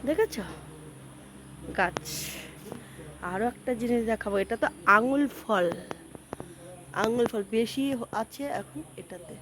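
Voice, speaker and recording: Slow, soft-spoken woman vlogger. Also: a little high, animated, noisy background. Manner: speaks softly on purpose, often drops to a whisper. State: hot and sweaty. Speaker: lifestyle vlogger. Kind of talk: casual home garden tour vlog. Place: outdoors in a home garden.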